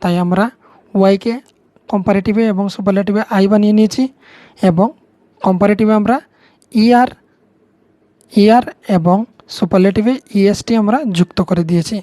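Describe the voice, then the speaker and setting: Bengali-accented woman teacher, warm low tone, dry close sound, patient step-by-step explaining. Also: steady tone, normal speed, long pauses, no room sound. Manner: patient, step-by-step explaining, repeats key words. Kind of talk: explaining English grammar to students.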